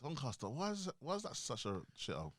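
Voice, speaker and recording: Male podcast host, lively bright voice, quick jokey banter, dry close mic. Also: medium pitch, no room sound. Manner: banters and cracks quick jokes between short backchannels. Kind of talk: casual podcast chat. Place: podcast studio.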